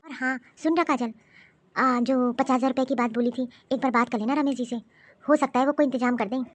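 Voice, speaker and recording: A grasping middle-aged mother from a cartoon story, played by a woman, coaxing and pleading in a high voice. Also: brisk. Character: scheming middle-aged mother over the phone. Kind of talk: animated story voice acting.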